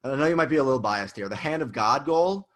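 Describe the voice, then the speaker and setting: Young male co-host, animated pitch, teasing and argumentative sports banter. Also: quick pace. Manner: argumentative, teasing, laughs easily. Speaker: podcast co-host. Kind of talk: casual sports podcast chat.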